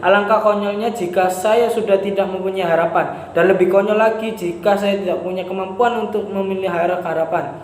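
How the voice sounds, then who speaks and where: A man acting a scornful, lonely prisoner, high-voiced, reverberant room with faint hiss. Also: steady tone, brisk, lightly acted. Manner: scolding and pleading with a tin plate. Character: Siwi, a jailed man, scornful yet lonely. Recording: echoey room with faint noise.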